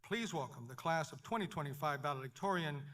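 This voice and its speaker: Male presenter at a podium mic, a touch high-voiced, formal and measured announcing. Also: expressive, a bit bright. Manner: measured, formal reading of honors. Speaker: ceremony presenter.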